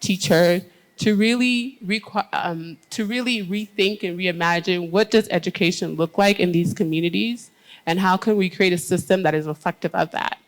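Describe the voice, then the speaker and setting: An American woman on a panel at an education conference speaks earnestly, in steady, thoughtful stretches with frequent "um" fillers. Her voice is lowish and her pace moderate, and the recording quality is low.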